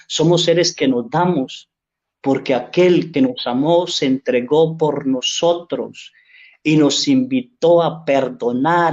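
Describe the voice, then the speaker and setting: Earnest priest preaching, muffled audio. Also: male voice, fairly high pitch. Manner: earnest storytelling, tag questions "¿sí?". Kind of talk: sermon.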